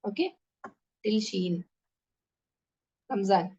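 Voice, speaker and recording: A woman's voice: mid-range voice, drawn-out words, dark tone, husky, lo-fi sound. A woman tajweed teacher giving an online class to children, patiently sounding out syllables one at a time.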